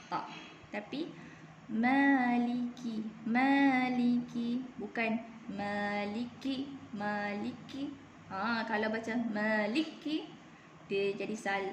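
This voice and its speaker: A Malaysian woman teaching Quran recitation, patiently drilling each word slowly and repeating it for her class. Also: fairly high pitch, roomy sound, a little hiss or hum. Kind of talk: Quran reading lesson. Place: room at a clinic.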